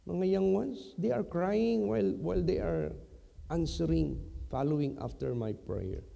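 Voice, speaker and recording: A slow, gravelly man with a Filipino accent delivers a sermon in a reverberant church hall. His tone is dark and unhurried. He often jumps to loud, high emphasis on key words. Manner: switches between English and Filipino, slow, emphatic, sudden loud high rises. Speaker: pastor.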